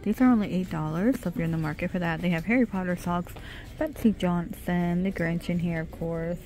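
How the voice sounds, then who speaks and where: A woman's voice: lowish voice, a little fast, warm tone, soft background music. A middle-aged woman narrating a casual shop-with-me vlog in a department store, reading out product names and prices as she browses. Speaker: shopping vlogger. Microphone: handheld phone camera.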